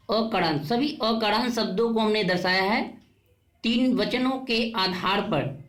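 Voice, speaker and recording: Female teacher, mid-pitched, patient recorded lesson, reads word lists slowly. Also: a bit bright. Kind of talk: online class lesson.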